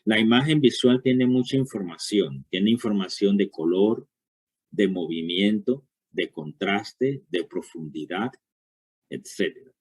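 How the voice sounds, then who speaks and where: A man's voice: fairly low pitch, animated, unhurried, husky. A man giving a university lecture, explaining step by step and checking understanding with frequent short questions.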